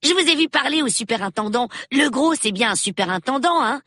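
Brief: cheeky, high-pitched boy voiced by a woman for an audiobook, quick and eager. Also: expressive, a bit bright, dry recording, studio quality. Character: cheeky, excited young boy. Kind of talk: audiobook reading.

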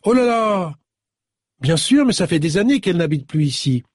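A man's voice: sits high, very animated, normal speed, no echo, clean studio sound, voice pushed up. A man reading an audiobook, voicing an obliging young woman answering the phone. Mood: helpful. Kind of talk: audiobook character voice.

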